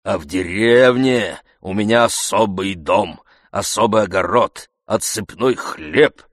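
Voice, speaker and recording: A man voicing a grumpy old male servant who wheezes hoarsely and scolds hotly. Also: on the low side, no echo, studio quality. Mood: boastful. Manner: heated, scolding, quick to shout.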